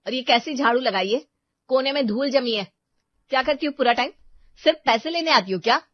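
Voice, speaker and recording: Brief: a woman playing a furious cartoon housewife, biting and sarcastic, high-pitched, dry lo-fi read. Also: animated, normal speed, no echo. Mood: scolding. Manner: harsh, shouting, sarcastic. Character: angry scolding young housewife. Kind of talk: cartoon storybook voice acting. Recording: dull lo-fi voice track.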